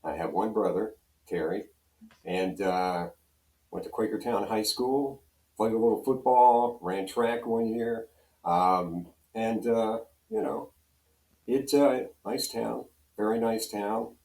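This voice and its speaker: Slow and a little mellow, this lowish-voiced older man is a radio program director from Pennsylvania in the USA. As a guest, he shares folksy, self-deprecating anecdotes in a casual way, and he sounds far from the mic in a roomy, echoing space.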